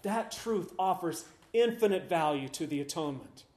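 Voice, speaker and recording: A man preaching a sermon, slow, solemn and emphatic, pausing between phrases. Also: sits high, lively intonation, a little mellow. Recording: roomy echo.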